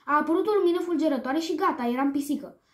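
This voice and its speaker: A woman's voice: high-pitched, pitched above the performer's own voice, natural voice. A woman voicing an earnest little princess in a storybook reading. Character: brave little princess girl. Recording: echoey room.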